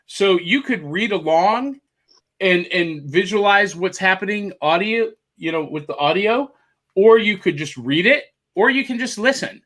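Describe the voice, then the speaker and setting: On a casual video call, a male co-host rambles eagerly about things he has discovered, keen to show them off. He takes his time, and his high voice is expressive and fairly bright.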